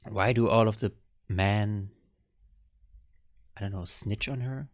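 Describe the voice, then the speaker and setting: A man's voice: lowish voice, takes it slowly, dry recording. A young man casually reacting to an album, thinking aloud in a rambling, hesitant way. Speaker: music reaction vlogger.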